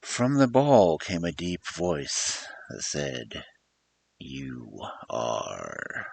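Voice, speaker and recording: Narrating a tale, a man uses a theatrical, emphatic storybook delivery in a very low voice at an unhurried pace. His intonation rises and falls widely like a dramatic storyteller's, with big pitch swings and a slightly mellow quality.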